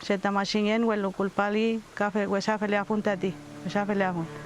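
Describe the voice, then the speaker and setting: An older community leader from southern Chile, giving a slow, reflective documentary testimony with pauses. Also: mid-range voice, little pitch movement, low-quality recording. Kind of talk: documentary testimony mixing Spanish and Mapudungun.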